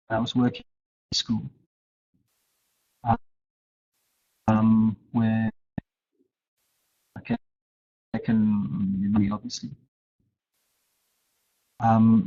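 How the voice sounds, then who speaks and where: A slow, husky-voiced man talks haltingly over a video call, restarting his sentences and filling gaps with pauses. His call audio sounds dull and lo-fi, and it keeps cutting out so that his volume rises and sinks unevenly. There is a gravelly edge under his words. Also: medium pitch, dark tone. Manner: halting, with many restarts and fillers. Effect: choppy audio dropping out, uneven volume. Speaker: conference speaker. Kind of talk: unscripted conversation over an online call.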